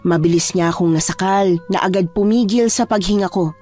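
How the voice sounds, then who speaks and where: A woman's voice: medium pitch, fairly quick, dark tone, faint music behind. Woman telling a horror story. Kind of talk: horror story narration with acted dialogue.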